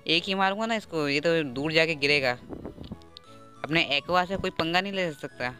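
A man's voice: a little high, moderate pace, pushed and bright, soft background music. A man doing game playthrough commentary with amateur dubbing, joking and self-mocking, recorded on an earphone mic held close to his mouth. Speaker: gaming YouTuber.

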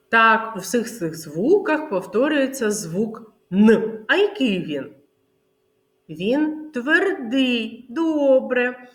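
A woman preschool teacher leading a literacy lesson for young children, sounding out words slowly and clearly and prompting the class to repeat after her. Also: fairly high pitch. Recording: roomy echoey room.

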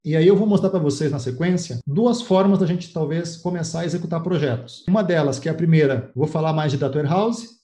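Man, slightly high voice, mellow tone, explanatory slide talk, addresses viewers directly, echoey room. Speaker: cloud data architecture presenter. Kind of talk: slide-based technical presentation.

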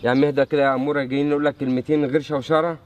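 An actor playing a pushy, teasing brother-in-law, speaking with an Egyptian accent. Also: male voice, on the high side, little pitch movement, very fast, natural voice. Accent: Egyptian Arabic. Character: scheming brother-in-law who bullies a suitor.

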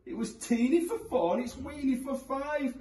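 A man voicing a fretful little old woman who wails and pleads in a shrill voice. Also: expressive, moderate pace, darkish tone. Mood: pleading. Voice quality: shrill, wailing. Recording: roomy, from a distance.

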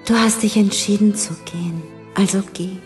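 A proud, tender flower, played by a woman, speaks in a hushed, half-whispered storybook voice. Her tone is mellow and gentle, and her pace is slow and wistful. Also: mid-range voice, steady tone, faint music behind, close to an everyday voice. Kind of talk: storybook reading.

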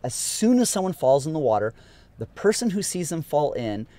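Man, sailing instructor, upbeat, practical, clear, outdoors on a boat. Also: on the high side, big pitch swings, normal speed, warm tone, dry recording. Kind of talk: casual instructional talk. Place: aboard a sailboat outdoors.

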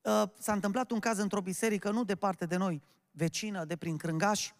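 A man's voice: sits high, steady tone. A man preaching a sermon to his congregation as their pastor, emphatic and often calling out questions to them. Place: church hall. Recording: long church-hall reverb.

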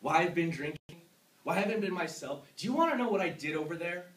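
In a classroom, a man in his twenties with a high, expressive voice performs an intense monologue as a self-loathing young Vietnam vet. The mood is agitated and defensive, the delivery halting and emotional, shifting from hushed to explosive, picked up by a far camera mic that sounds roomy and faintly noisy.

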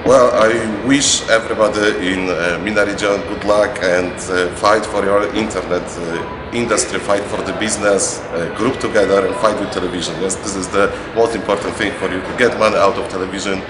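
A man's voice: lowish voice, steady tone, brisk, hardly any pauses. A man in his forties with a Polish accent, answering interview questions in a conference setting, earnest and hesitant with many fillers. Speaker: interviewee, research company representative. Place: large indoor banquet hall. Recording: echoey hall with room noise.

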